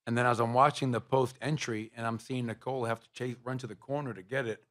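A middle-aged basketball head coach gives measured, filler-heavy answers to reporters at a postgame press conference, using a table mic in a press room with a sponsor backdrop. His pitch is medium, his intonation fairly even, and his tone a bit bright.

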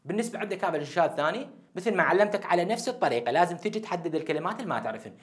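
A man's voice: high voice, animated, racing. A man with an Iraqi Arabic accent, teaching an exam-prep lecture who talks straight to his students and repeats the key steps. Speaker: English teacher.

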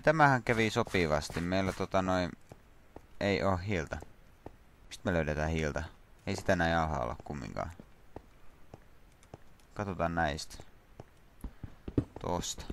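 A man's voice: low voice, background noise. A man casually commenting on his own gameplay, rambling and self-mocking with lots of fillers. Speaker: gaming channel host. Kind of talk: casual Minecraft let's play commentary.

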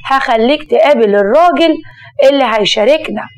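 A scheming con woman with a bit of a high voice, sly and coaxing, sharp tongue on her, a woman doing her in an egyptian storytelling video. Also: a little fast, natural voice. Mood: cajoling. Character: scheming young woman con artist, brazen.

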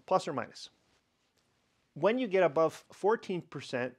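A man hosting a wine tasting lesson, explaining in a relaxed, chatty way with pauses and fillers. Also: medium pitch. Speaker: wine educator host.

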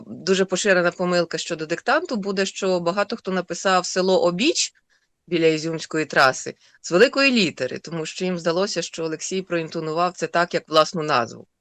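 A woman, the author of a text, talking thoughtfully on a radio show with many pauses and fillers. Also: fairly low pitch, a bit bright, dry recording. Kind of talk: radio studio discussion.

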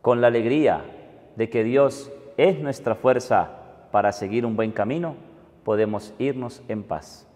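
Slow priest in cathedral echo. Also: male voice, mid-range voice. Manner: soft, measured, prayerful delivery. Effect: cathedral echo, long church reverb. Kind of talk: leading mass prayers. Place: large church. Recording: long church hall reverb.

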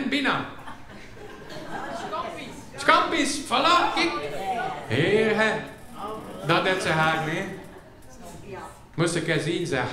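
A Flemish man doing comedy for care home residents, chatty and teasing, throwing questions at the audience. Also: sits high. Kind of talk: live comedy and game show banter with the audience. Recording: echoey hall with audience murmur.

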